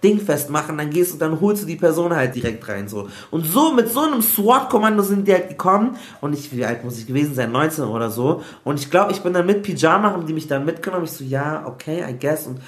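Guy telling a story all animated, slightly high voice, roomy echo. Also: quick pace, few pauses. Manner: animated, mixes in English words. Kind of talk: casual storytelling in a podcast chat.

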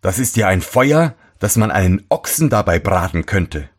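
A man's voice: low voice, sing-song, normal speed, breathy edge, exaggerated voice. A man reading a fairy tale and voicing a fussy, irritable old master shoemaker who scolds everyone around him. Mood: scolding, indignant. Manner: scolding, shouting complaints.

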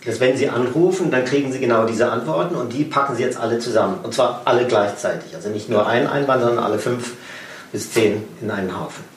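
A man's voice: mid-range voice, quick pace, recorded from a distance. A man speaking in an encouraging tone, doubling up his phrases to drive a point home. He sits away from the microphone in a reverberant room. A faint noise runs underneath his voice. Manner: encouraging, repeats phrases for emphasis. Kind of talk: casual podcast conversation.

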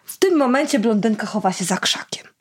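A woman's voice: on the high side, expressive, fairly quick, breathy edge. A woman chatting casually about children's books, reading passages aloud and giving the characters voices, with laughs between her remarks. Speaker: children's book reviewer. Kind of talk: casual book review with read-aloud.

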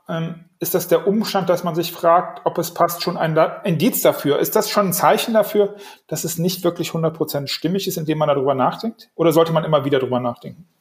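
A man with a slightly high voice hosts a podcast interview. He poses thoughtful, searching questions and speaks directly to his listeners. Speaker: podcast host.

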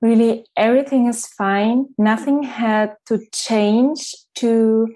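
A woman whose first language is not English, interviewing a guest and speaking haltingly as she searches for words. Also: on the high side, fairly even intonation, mellow.

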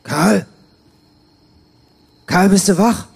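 A man's voice: high-pitched, extremely slow, gravelly, slightly rough, full character voice. An actor playing a hungry, blunt male cellmate, coarse and matter-of-fact. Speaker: prisoner.

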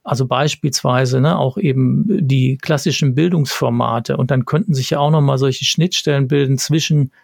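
A man's voice: medium pitch, moderate pace, gravelly, few pauses, a little mellow, no echo, studio quality. A man in a conversation, thinking aloud with frequent fillers and restarted sentences. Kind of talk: casual discussion.

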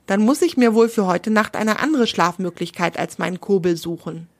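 A woman's voice: medium pitch, normal speed, natural voice. A woman voicing a cheeky little male squirrel thinking aloud in a storybook tale. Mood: musing. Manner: musing to himself.

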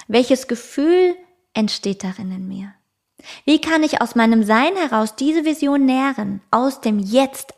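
Calm, reflective German-speaking woman podcaster. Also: fairly high pitch. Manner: calm, slow, addresses the listener directly, drops into soft whispers. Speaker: podcast host. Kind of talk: reflective spiritual podcast talk.

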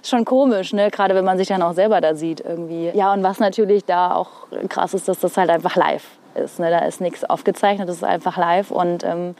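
A young TV weather presenter from northern Hesse, Germany, chats casually and thoughtfully in an outdoor interview, using many fillers. Her lowish, darkish voice is brisk with fairly even intonation and few pauses.

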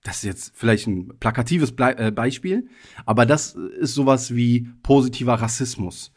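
A man in his thirties, raised in Germany, talks to his listeners on his own podcast. His pitch sits in an ordinary middle range. He muses aloud in a casual, personal way and keeps softening his points with fillers. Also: moderate pace. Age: 30s. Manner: thoughtful, personal, loose with frequent hedging fillers. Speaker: podcast host. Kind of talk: casual reflective monologue.

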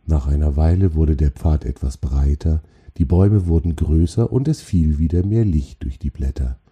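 Deep, mellow man narrating a children's story. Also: moderate pace, breathy edge. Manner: calm, gentle storytelling.

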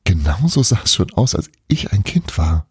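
A man's voice: deep voice, big pitch swings, normal speed, darkish tone, breathy edge, no room sound, voice pushed up, exaggerated voice. A man playing an exasperated grumbling father. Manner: grumbling, sighing. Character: exasperated grown-up son, a practical father.

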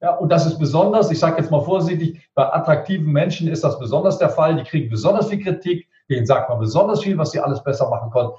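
Lively man giving emphatic advice. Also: a little high, fast, few pauses. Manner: emphatic, repeats his points. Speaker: speaker and rhetoric coach. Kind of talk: animated interview advice. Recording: roomy, distant, dull sound.

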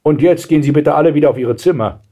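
A man voicing a sinister male masseur with a metallic-sounding, calm and mocking voice, in a storybook reading. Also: on the high side, fast, breathy edge, voice pushed up.

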